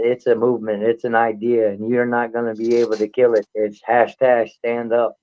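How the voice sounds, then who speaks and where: A man comes through a tinny, phone-like call line that buzzes and glitches. He talks in a flat, level tone while pushing his point hard, blunt and fired up, circling back to the same phrases again and again. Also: medium pitch, smooth. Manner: blunt, fired-up, repetitive rallying speech. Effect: buzzy, glitchy call audio. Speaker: guest activist. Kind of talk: impassioned advocacy talk on a live show. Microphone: remote call connection.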